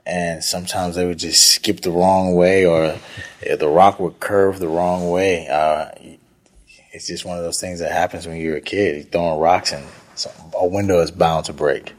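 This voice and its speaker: A thirty-year-old man from northeast Houston, Texas, a chef and restaurant owner, answers interview questions conversationally, hesitating and thinking as he goes. His voice is low, with fairly even intonation and a normal speed.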